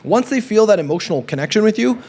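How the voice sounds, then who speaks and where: A man from Canada, in his thirties, speaks straight to camera as a business coach. His voice sits high for a man. He drives each point home with emphatic, persuasive energy and tags lines with a quick "right?". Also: lively intonation, a little mellow, slight background noise. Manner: emphatic and persuasive, often adds a questioning "right?". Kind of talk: direct-to-camera coaching talk.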